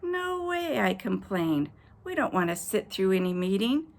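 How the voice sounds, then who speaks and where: A woman pastor with a creaky, mid-range voice reads an adventure story aloud to children. She's an expressive storyteller who gives voices to the quoted characters and pauses to speak directly to her young listeners.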